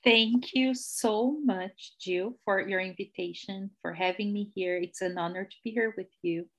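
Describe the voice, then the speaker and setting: A woman in her forties speaks English with a Brazilian Portuguese accent. She tells her story as a podcast guest, earnest and measured, now and then restarting a phrase. Her pitch sits in the middle for a woman. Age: 40s. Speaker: executive coach, podcast guest. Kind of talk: interview, telling her life story.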